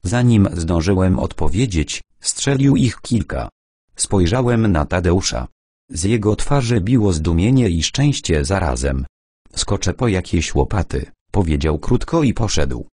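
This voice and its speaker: Deep husky male audiobook narrator. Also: dry recording, studio quality. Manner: measured storytelling, lively intonation. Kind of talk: first-person audiobook narration.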